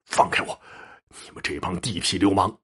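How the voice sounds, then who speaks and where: A man's voice: sits low, fairly even intonation, moderate pace, fairly bright tone, slightly rough, exaggerated voice. A man voicing a desperate, enraged young husband who curses in a strained voice in a spoken story. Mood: furious.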